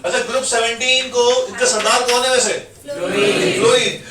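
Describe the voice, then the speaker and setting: A man's voice: extremely high pitch, fairly even intonation, moderate pace, reverberant, far from the mic, a loud crowd. A male teacher leading a chemistry class in call-and-response, chanting mnemonics in a sing-song way and joking with his students.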